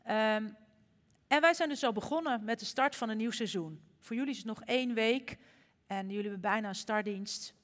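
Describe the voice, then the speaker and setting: A woman preaching at a church service, talking warmly and chattily with many small fillers. Her voice sits fairly high and rings through a long church-hall reverb. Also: normal speed. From Netherlands. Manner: warm, chatty, with frequent fillers. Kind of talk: sermon with storytelling.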